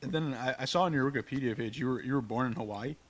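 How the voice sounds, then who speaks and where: Casual male podcast host, mid-pitched, slangy and easygoing. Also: fast. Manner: easygoing, slangy, short reactions. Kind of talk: casual interview hosting.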